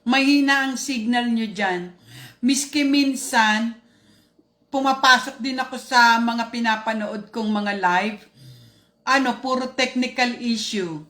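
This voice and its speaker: Slow, rambling woman live-streamer. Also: fairly high pitch, fairly bright tone, reverberant. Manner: rambling, greets viewers by name. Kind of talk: casual live-stream chat.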